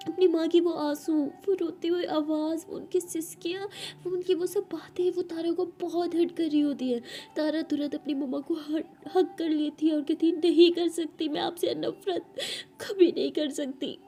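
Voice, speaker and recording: A woman narrating a love story for her viewers, often in a soft, near-whispered tone. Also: extremely high pitch, flat delivery, normal speed.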